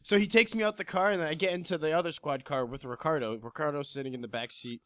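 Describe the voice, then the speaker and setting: Man telling a story with animated energy. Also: fast talker, no echo, studio quality. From New Jersey. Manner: animated storyteller, quotes officers in a lowered, quieter voice. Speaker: podcast co-host. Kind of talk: casual storytelling chat.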